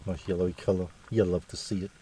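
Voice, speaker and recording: A man's voice: low-pitched, little pitch movement, quick pace, dark tone, slight background noise. A man with an Australian accent chatting casually to viewers as a food review vlogger, jokey and full of slang.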